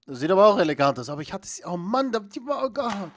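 A man giving jokey, excitable commentary while playing a video game, often shouting at it. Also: high voice, quick pace, a little hiss or hum. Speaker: let's play gamer. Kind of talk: casual gameplay commentary.

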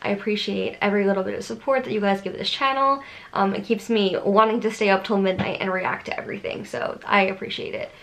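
Gushing, excitable woman vlogger. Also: mid-range voice, quick pace, vocal fry, poor audio. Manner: gushing, excitable, chatty with many "like"s. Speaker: YouTuber reacting to a song. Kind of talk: casual fan reaction vlog.

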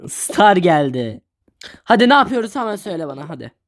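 A man voicing a cocky, swaggering male actor in a cartoon skit, in a gruff, lowered voice. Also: big pitch swings, brisk.

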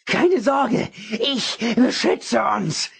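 A man voicing a gangly, paranoid old male psychiatric patient who shouts frantic warnings, in an audiobook reading. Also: very high-pitched, animated, drawn-out words, vocal fry, husky, voice pushed up, full character voice. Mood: frantic shouting.

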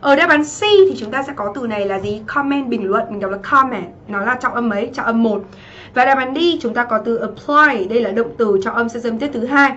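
High-voiced woman teaching a livestream class. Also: brisk, highs cut off, a little hiss or hum. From Vietnam. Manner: lively, keeps checking in with students. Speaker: English teacher. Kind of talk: livestream exam review lesson.

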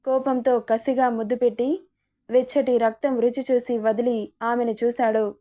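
A woman storyteller reads a romance story aloud at a steady, even pace. Her voice sits a little high and sounds mellow. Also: moderate pace.

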